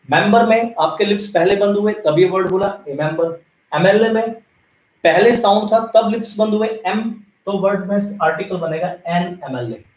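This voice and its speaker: A man from India teaches an English grammar lesson, walking his students through each point step by step. His voice sits high for a man. He sounds distant from the mic in an echoey room. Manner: explains step by step, addresses students directly.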